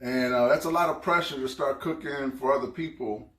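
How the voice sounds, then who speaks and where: A man's voice: medium pitch, a little fast, a bit bright. A man hosting his own cooking vlog, chatting casually and eating as he talks. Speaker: cooking vlogger. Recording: roomy sound, mic at a distance.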